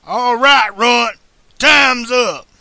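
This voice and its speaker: Bullying outlaw gunslinger, voiced by a male reader, high, loud and yelling, audiobook villain. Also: very slow, gravelly, dry recording, studio quality, full character voice. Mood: taunting. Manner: shouting, sneering taunts.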